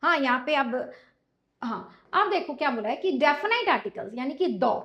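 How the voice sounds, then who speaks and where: Lively high-voiced woman teaching grammar. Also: normal speed, lo-fi sound. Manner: asks questions and answers them herself, drills answers; often checks understanding with a repeated question. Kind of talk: grammar lesson in Hindi with English terms.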